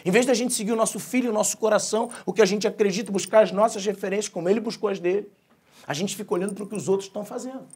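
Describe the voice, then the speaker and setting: A man's voice: sits high, steady tone, very fast, darkish tone, breathy edge. A Brazilian man giving a comic keynote talk, telling family stories, joking and swearing freely. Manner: jokey, swears freely, acts out family dialogue. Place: conference stage.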